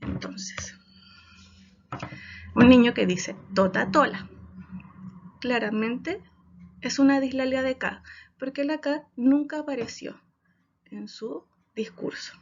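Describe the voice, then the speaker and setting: Woman explaining, gravelly and high. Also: takes it slowly, pauses often, darkish tone, a little hiss or hum. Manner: explanatory, frequent "¿ya?" check-ins. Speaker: speech therapist. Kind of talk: workshop talk for parents. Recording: dull lo-fi recording.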